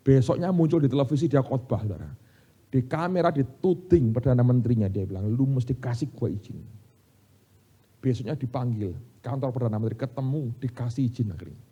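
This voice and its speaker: The somewhat dull, lo-fi recording captures a middle-aged Indonesian-accented pastor giving a sermon in a church sanctuary. His dark, slightly husky mid-range voice moves at a quick pace, alternating loud outbursts with hushed asides. He addresses listeners as "saudara" while telling lively stories.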